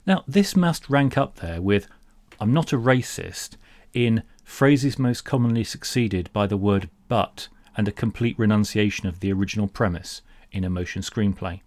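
A man's voice: lowish voice, moderate pace, a little mellow, no room sound. A British man delivering a comedic rant as a monologue, mock-pompous, sarcastic and exasperated. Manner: mock-pompous, grandiose phrasing. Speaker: humorous monologue host.

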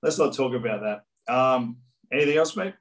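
A man with a medium-pitched voice chats casually as a podcast co-host. He is matey with a dry sense of humour. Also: expressive, moderate pace.

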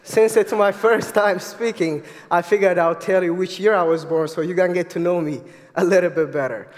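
A man's voice: high-pitched, fairly even intonation, normal speed, big-room sound. A man in his twenties from Ethiopia with an Ethiopian accent, preaching an earnest, eager sermon to a church congregation. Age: 20s. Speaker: guest preacher. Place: church sanctuary.

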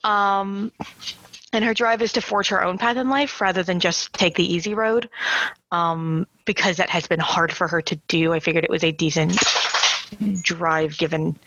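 Woman player rambling about her character, lowish voice, muffled mic. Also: steady tone, normal speed, fairly bright tone, a little hiss or hum. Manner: rambling, restarting explanations. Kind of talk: casual tabletop game chat.

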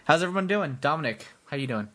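A man's voice: on the high side, expressive, fast, sharp tone. A man hosting a casual podcast chat, telling rambling stories and poking fun at himself. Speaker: podcast host.

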